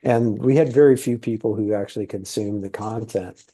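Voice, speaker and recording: A middle-aged man raised in Thailand speaks casually as a guest in an interview; he's a TV series producer. His voice sits on the low side with a dark tone and moves at normal speed, and his easygoing, rambling manner is full of fillers.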